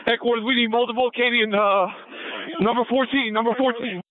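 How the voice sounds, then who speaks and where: A man's high voice squeezed thin by a tinny, phone-like police radio. He reports in tense, short bursts and repeats key details. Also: steady tone, a little fast. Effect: heard over a police radio. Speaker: police officer. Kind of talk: radio call during an emergency.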